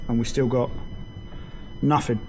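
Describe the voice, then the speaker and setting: Over music, a man with a medium-pitched voice speaks in a level tone at a measured pace. He plays a mechanic presenter giving an informal, step-by-step hands-on tutorial in a vehicle workshop, and the recording carries noisy workshop background.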